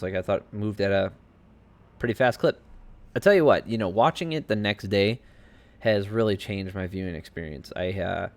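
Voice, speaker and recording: Low-voiced man rambling about fights. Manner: rambling and chatty, heavy on fillers and asides. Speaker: podcast host. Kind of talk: casual solo commentary on fight results. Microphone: home desk setup.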